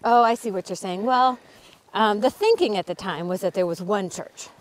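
Recorded in low quality on a cold hillside, a middle-aged woman speaks in a mid-range voice at normal speed. She is an author and channel host explaining history during a casual walk, with plenty of ums.

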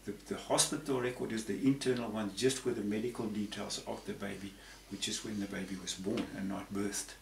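A panel guest in his sixties from Zambia explains things conversationally and at length, often repeating words. His gravelly, fairly low voice has a flat delivery, and he talks fairly quickly with hardly any pauses. Recorded in a room with a patterned tapestry backdrop, the sound is roomy and distant with a faint hiss.

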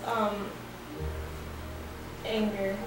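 The voice is a young woman's, mid-range, flat and extremely slow, as she interprets a sermon line by line with hesitation, fillers and restarts. She's filmed by a far camera on a living room set with framed pictures, the sound echoey and distant with faint music.

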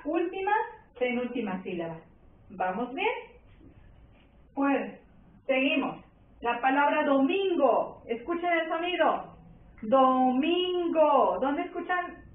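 A woman teacher with a Mexican accent, giving a slow, patient classroom lesson, stretching words and checking that her pupils follow. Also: high voice. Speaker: primary school teacher. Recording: roomy, distant, phone-like sound.

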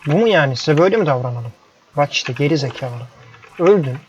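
Playing a ranch game, a young man chats casually for his let's-play channel, frustrated and grumbling at the animals. His high-leaning voice is expressive and quick. Faint noise sits under the dull lo-fi sound of his headset mic.

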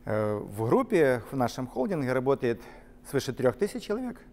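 A middle-aged man, a company co-founder, telling his story in an interview, lively and gesturing as he walks through large factory halls. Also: medium pitch, normal speed, big-room sound. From Ukraine. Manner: animated, gesturing while walking and talking. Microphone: camera-mounted shotgun mic.

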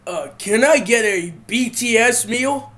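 A man's voice: very high voice, a little slow, sharp tone. A man ordering food at a drive-through in a comedy skit, patient but insistent as he repeats his order. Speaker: customer.

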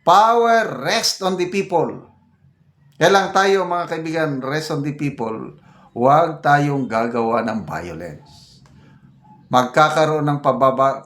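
Older man, slow, in a roomy echo. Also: mid-range voice, fairly bright tone. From Philippines. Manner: reads comments aloud, chuckles, indignant. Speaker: retired general commentator. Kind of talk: casual political commentary.

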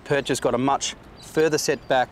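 A man's voice: mid-range voice, fairly even intonation, moderate pace, slight background noise. A man with an Australian accent, a fishing guide on a boat outdoors, explaining fish in a knowledgeable, matter-of-fact way. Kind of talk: casual outdoor fishing chat.

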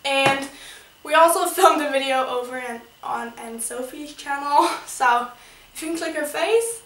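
A woman's voice: sits high, normal speed, a bit bright. A woman in her twenties chatting casually to camera as a vlog host. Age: 20s. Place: small bedroom, indoors. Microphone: camera a couple of metres away. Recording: roomy, distant camera mic, faint noise.

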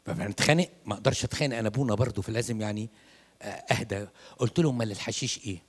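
A man with an Egyptian Arabic accent preaches at a quick clip, telling stories and switching into short acted dialogues. He mixes English phrases into his sermon. His voice carries the long reverb of a church hall. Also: lowish voice, breathy edge. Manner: animated storytelling, acts out dialogues, mixes in English. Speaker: priest.

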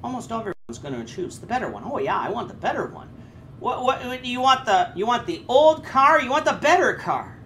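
Standing before a red curtain indoors and framed chest-up by the camera, a man in his thirties explains Bible lessons earnestly. His pitch swings widely with lively rises, he hesitates and restarts often, and he talks briskly over a faint ambient hum.

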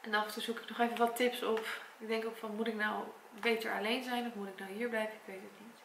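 Young Dutch woman, vlogger, tearful and congested, fry in a slightly high voice, echoey home room. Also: level tone, quick pace, fairly bright tone, slight background noise. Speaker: vlogger and primary school teacher. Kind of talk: personal vlog talk to camera. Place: at her parents' home, indoors. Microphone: camera mic.

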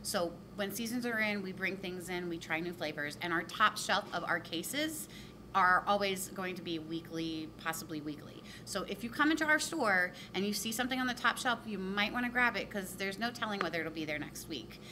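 A woman who co-owns a bakery, talking in a warm, chatty way in an interview inside her shop. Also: moderate pace. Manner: warm and chatty, laughs easily. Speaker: bakery co-owner. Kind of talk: casual interview. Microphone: handheld reporter mic. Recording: noticeable background rumble.

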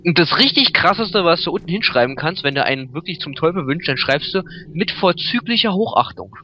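A man's voice: a little high, animated, fast talker, dull audio, a little hiss or hum. A man co-commenting on a horror game, chatty and explaining things at length. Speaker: let's play co-commentator. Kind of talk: casual gaming commentary.

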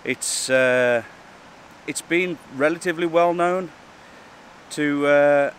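A man, talking casually and a little hesitantly to camera as a wildlife vlogger, outdoors beside rushing water. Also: on the high side, a bit bright. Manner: informal, hesitant and chatty. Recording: outdoor wind, rushing water and traffic noise.

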